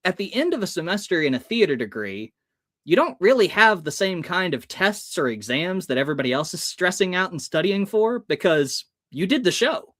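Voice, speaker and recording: An American man in his early thirties, guesting on a podcast, tells personal stories and acts out snippets of dialogue with lots of expression. His voice is high-pitched and a bit bright, with big swings in pitch at a moderate pace. It's animated personal storytelling.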